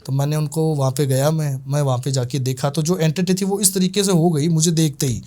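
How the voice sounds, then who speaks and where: Rambling man telling a case, slightly high voice. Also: steady tone, a little fast, mellow. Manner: rambling, repetitive retelling with many fillers. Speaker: tantrik guest telling a case. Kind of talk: casual spoken storytelling.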